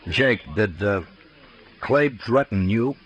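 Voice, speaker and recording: An American actor playing a steady, world-weary US marshal in a 1950s radio western, terse, measured and authoritative. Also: male voice, lowish voice, dull audio. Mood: firm. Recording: noisy old 1950s radio recording.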